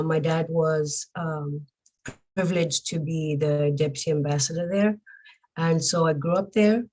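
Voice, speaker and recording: A woman in her forties from Zambia, a guest speaking earnestly and reflectively about her life, pausing often with fillers. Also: sits low, low-quality recording. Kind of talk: personal testimony interview.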